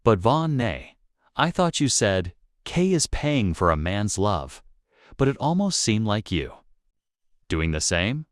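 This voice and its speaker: Guy hosting a gossip show, low voice, swings up and down a lot, dry sound. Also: very animated, slow pace, no room sound. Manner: wry, teasing narration. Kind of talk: scripted gossip narration.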